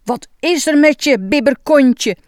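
Storybook girl clown, bossy and eager, read by a woman, high, lively. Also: measured pace, dry recording, studio quality. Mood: playful. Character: bossy playful girl clown playing doctor.

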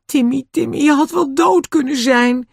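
The narrator voices a fiercely protective girl from a children's audiobook, raised well above the narrating voice. She talks with a sharp, scornful bite. The sound is dry and close. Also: medium pitch, moderate pace, dry recording, pitched above the performer's own voice, natural voice. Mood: tender. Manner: tearful then scornful.

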